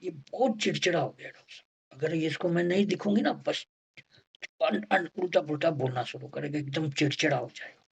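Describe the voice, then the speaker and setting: Raspy, gravelly male teacher who walks students through each point and checks they follow. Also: fairly high pitch. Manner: explains slowly, repeats key terms, checks in with students. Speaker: homeopathy teacher. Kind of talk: lecture on remedy rubrics.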